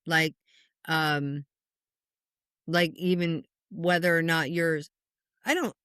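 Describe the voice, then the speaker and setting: A middle-aged woman, a spiritual medium, answering interview questions in an animated storytelling way, acting out what people said. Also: low voice, slow pace, clear, resonant tone, no echo, studio quality.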